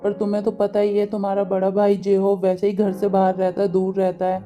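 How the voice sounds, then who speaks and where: A woman voicing a gentle, caring middle-aged father who coaxes his daughter in a fan audio drama. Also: medium pitch, monotone, a little fast, soft background music, close to an everyday voice. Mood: soothing. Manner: soothing and coaxing.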